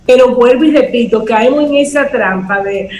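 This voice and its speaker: A woman speaking as a guest in a talk show, giving advice and acting out everyday quoted dialogue, slowing down to stress her points. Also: on the high side, darkish tone, echoey room, soft background music, low-quality recording. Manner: acts out quoted dialogue, slows for emphasis.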